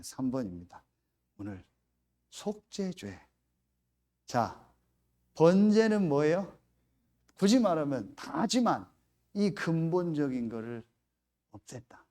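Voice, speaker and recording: A middle-aged pastor delivers a sermon with a personal story, his voice sitting a little high. His pitch leaps around as he acts out heated moments. He talks in an animated, storytelling way. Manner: animated storytelling, acting out his own angry outbursts.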